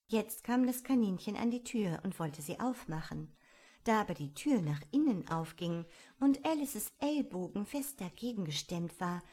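A woman narrating an audiobook in a calm, even storytelling manner. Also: mid-range voice, husky.

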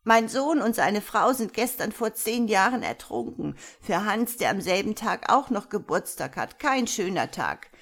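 Woman putting on a shrill frail old lady. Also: sing-song, a little slow, few pauses, exaggerated voice. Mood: shouting fond. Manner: near-shouting, quavering.

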